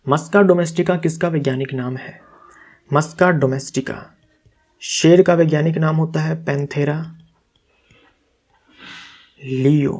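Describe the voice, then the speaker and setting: A man's voice: a little high, steady tone, measured pace, long pauses, a little mellow. A man teaching as an exam-prep tutor, walking step by step through quiz answers, asking questions and answering them himself. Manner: corrects himself aloud.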